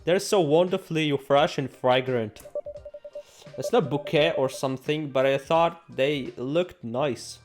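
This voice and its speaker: A gaming video host gives game playthrough commentary with music behind his voice. His voice sits on the high side at a measured pace as he reads the story text aloud, adding theatrical, sarcastic asides.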